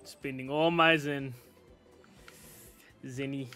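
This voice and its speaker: Over soft background music, this YouTuber talks through a game's menus at an unhurried pace, his medium-pitched voice pushed and bright but fairly even in intonation. It's casual walkthrough chatter, full of slang, musing out loud, frequent laughter, and remarks aimed at chat.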